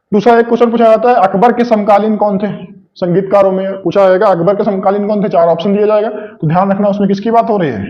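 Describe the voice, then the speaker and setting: A man's voice: high voice, lo-fi sound. A male coaching teacher lecturing his class, asking questions and answering them himself, repeating key points over and over. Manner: repetitive, asks and answers own questions. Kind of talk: classroom lecture with memory tricks.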